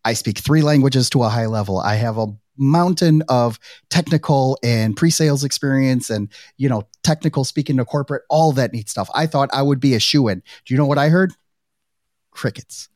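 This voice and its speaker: A man's voice: medium pitch, normal speed, a little mellow, no room sound, clean studio sound. A middle-aged man hosting a podcast interview, chatting casually with lots of "you know" and "right". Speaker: podcast host. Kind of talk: conversational interview.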